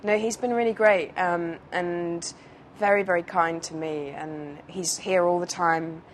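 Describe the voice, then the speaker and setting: A woman's voice: fairly low pitch, fairly even intonation, measured pace, slight background noise. A British woman, an actress, chatting casually in an interview, rambling with many fillers and restarts. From United Kingdom.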